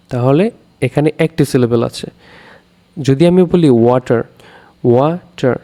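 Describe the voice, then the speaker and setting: A man teaching a primary English lesson, explaining step by step and slowing down to sound out English words. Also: on the high side, warm tone. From Bangladesh. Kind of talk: classroom lesson.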